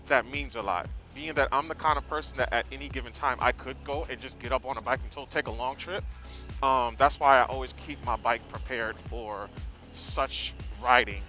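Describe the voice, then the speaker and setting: Male American motovlogger, bright forward voice, loose digressive ride-along chat heard from inside a helmet, faint music and vehicle behind. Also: mid-range voice. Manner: talking from inside a motorcycle helmet while riding. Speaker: motorcycle vlogger. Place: inside a helmet on a moving motorcycle.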